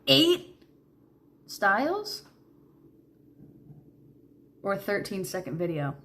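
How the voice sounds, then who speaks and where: Woman, unhurried pace, casual livestream chat, muttered fragments, faint background noise. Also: mid-range voice, big pitch swings, a bit bright. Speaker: live streamer.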